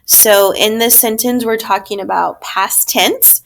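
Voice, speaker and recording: A woman teacher giving a recorded grammar lesson, explaining slowly and patiently step by step. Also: medium pitch, steady tone, creaky, background noise.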